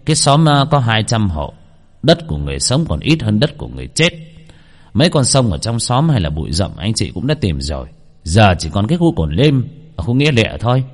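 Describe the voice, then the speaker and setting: A man's voice: on the low side, sing-song. A man voicing a grave, stern middle-aged village head in a spoken story. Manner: grave and measured.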